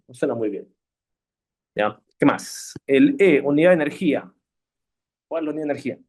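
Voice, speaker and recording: A man's voice: medium pitch, a little mellow, slightly rough. Guy teaching basic electricity, laid back, keeps asking "¿sí?" "¿no?". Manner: chatty, checks in with frequent "¿sí?" and "¿no?". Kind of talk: casual classroom lecture.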